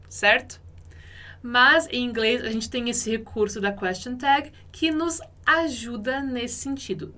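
A Brazilian woman with a Brazilian Portuguese accent explaining an English lesson, slowing down to model English phrases clearly. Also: mid-range voice, bright, forceful tone. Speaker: English teacher.

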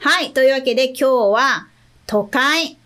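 A woman from Japan with a Japanese accent, a native Japanese speaker, teaching a language lesson, repeating each word slowly and checking in with the listener. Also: high-pitched, bright, forceful tone. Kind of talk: slow, patient Japanese lesson.

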